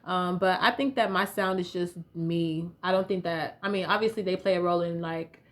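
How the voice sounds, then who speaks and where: A young woman from North Carolina, appearing as a guest rapper, chats casually in an interview, full of slang and plenty of "you feel me." Her voice is fairly low, at a moderate pace.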